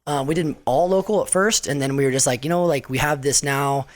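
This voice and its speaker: A man's voice: a little high, fast talker, no echo. A man from Southern California, a podcast guest, talking about his work in a laid-back, slangy, rambling way full of restarts. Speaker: podcast guest, mural artist. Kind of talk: casual conversation.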